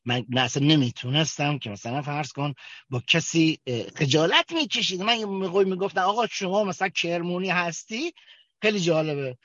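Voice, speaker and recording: A man from Kerman with a Kermani accent tells his recovery story at a group meeting, halting often with fillers and restarts. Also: fairly high pitch, animated, a bit bright, no room sound. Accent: Kermani Persian. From Kerman, Iran. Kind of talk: personal testimony at a recovery meeting. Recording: dull, dry recording.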